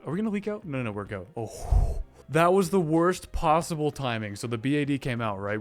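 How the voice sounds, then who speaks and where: Man, casual gameplay commentary, excitable, slangy, loud yelps at close calls, mid-pitched voice, faint game music behind. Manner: casual slang and mild swearing. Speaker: gaming YouTuber.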